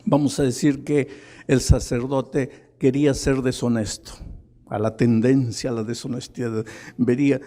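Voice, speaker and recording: A man's voice: medium pitch, vocal fry, mellow. An older man from Peru preaching a sermon as a pastor, telling a story dramatically with rhetorical questions and rising emphasis.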